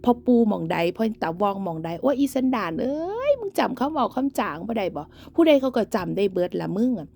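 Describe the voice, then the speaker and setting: Woman, Isan accent, livestream rant, abusive and mocking, swooping pitch, gravelly. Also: warm tone. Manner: abusive, mocking, cursing heavily; breaks into cackling laughs. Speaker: online commentator. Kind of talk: ranting livestream monologue.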